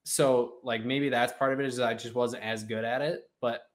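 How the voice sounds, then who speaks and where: A man in his mid twenties talks casually as a podcast co-host. He speaks in halting bursts and fills gaps with "like.". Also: mid-range voice, fairly even intonation. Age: 20s. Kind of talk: casual chat.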